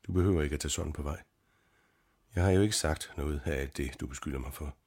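A calm young scholar, read out by a man answers softly and reasons his way through each point in an audiobook. The voice is extremely low and husky. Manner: gentle, measured and reasoning. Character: young male scholar, calm, gentle and steady. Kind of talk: audiobook reading.

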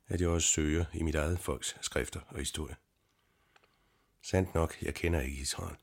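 A man voicing a calm, gentle young scholar in an audiobook reading, with a husky voice and a measured, reasoning way of talking. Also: rumbling low, full character voice.

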